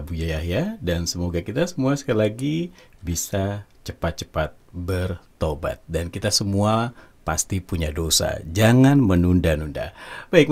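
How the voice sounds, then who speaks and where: A man hosting a channel, giving gentle, slow closing remarks to viewers. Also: deep voice. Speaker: channel host.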